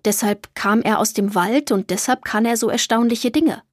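Kindly old storybook grandfather, warm and teasing, read by a woman; dry booth sound. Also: on the high side, moderate pace, dry recording, close to an everyday voice.

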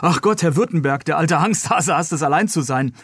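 A friendly young man who jokes his way through a muddy rescue, read aloud by a man. His voice sits a little high and sounds close and dry, like a storybook reading. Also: expressive, fairly quick, a bit bright, husky, dry recording, heavily acted. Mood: cheerful. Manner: cheerful, joking. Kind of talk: read-aloud novel dialogue.

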